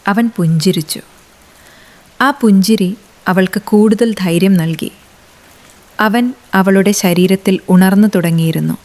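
A woman reading a romance story aloud as scripted narration, with a measured, unhurried delivery. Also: mid-range voice, darkish tone.

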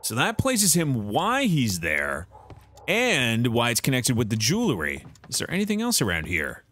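Animated male streamer thinking aloud. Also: mid-range voice, moderate pace. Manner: thinking aloud, frequent restarts and fillers. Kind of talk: live game commentary.

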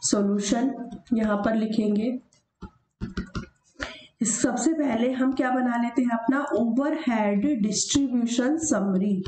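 A woman teacher with a mellow, fairly high voice talks through a worked problem over her notes. She poses questions and answers them herself, and she slows down to read the question word by word. The sound carries a roomy echo. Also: a little hiss or hum. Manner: reads the question slowly, then explains step by step. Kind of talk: lesson over handwritten notes. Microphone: voice-over of screen notes.

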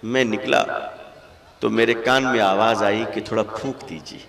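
A man, an Islamic cleric, giving an impassioned sermon at a religious school gathering, telling stories and swinging from soft talk to loud exhortation. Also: lowish voice, steady tone, vocal fry, big-room sound.

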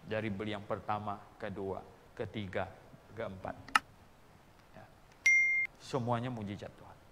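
A man, a pastor, telling a story in a sermon and acting out the dialogue with lively shifts. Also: lowish voice, a little slow, big-room sound, very noisy. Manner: animated storyteller acting out dialogue, shouting at peaks.

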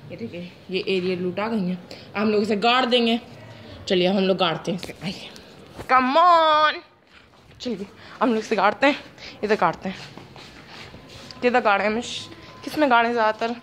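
A woman's voice: medium pitch, a little fast, pauses often, slight background noise. A woman vlogging from her home garden, chatty and talking straight to her viewers, often breaking into giggles. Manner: giggly, keeps laughing while talking; chatty, addresses viewers directly. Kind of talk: casual home vlog, showing plants. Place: home garden with potted plants.

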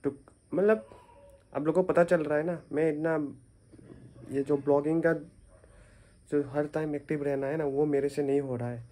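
एक युवा आदमी कमरे में फ़ोन पकड़कर अपने दिन के बारे में बिखरे ढंग से बात करता है, बीच-बीच में बार-बार "मतलब" कहता है।. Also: male voice, fairly high pitch, steady tone, moderate pace, long pauses, dark tone. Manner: rambling, many fillers, tired. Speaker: vlogger and teacher. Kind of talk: casual vlog to camera. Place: small room indoors. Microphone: phone at arm's length.

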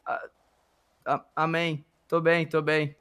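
A woman's voice: sits low, little pitch movement, takes it slowly, a bit bright, clear, resonant tone. A woman with a Brazilian accent in a role-play game, teasing and swearing casually. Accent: Brazilian Portuguese.

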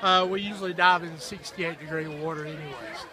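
A man's voice: fairly high pitch, steady tone, a little fast. A man in his thirties giving casual interview answers. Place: outdoors outside a building. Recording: outdoor crowd noise.

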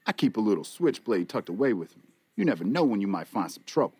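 Husky, jaded casino hustler. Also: male voice, lowish voice, big pitch swings, quick pace, dark tone, no room sound. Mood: wary. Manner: streetwise, defensive, blunt. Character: jaded, foul-mouthed male casino hustler under contract. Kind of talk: video game character dialogue.

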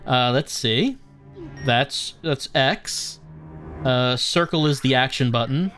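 Hosting a gaming channel video, a man chats casually and muses as he plays. His mid-range voice is slow and fairly bright, conversational in manner, with faint music behind him.

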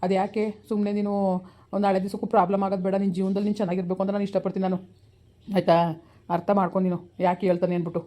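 A woman's voice: medium pitch, little pitch movement, racing, warm tone, natural voice. A woman voicing a stern young village man with a rural Kannada accent, curt and dismissive. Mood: cold. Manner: curt, dismissive, repeats his refusal. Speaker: actor in a village skit. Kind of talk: village skit acting.

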